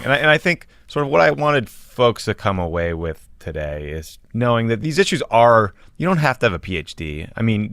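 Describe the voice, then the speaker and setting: A man hosting a podcast, chatting casually with a guest and then signing off the episode in a relaxed way. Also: fairly low pitch, dry recording, studio quality. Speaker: podcast host.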